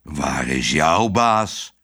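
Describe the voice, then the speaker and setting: A man voicing a stern male police dog who talks in a low, gruff, threatening way. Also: lively intonation, drawn-out words, bright, forceful tone, heavily acted.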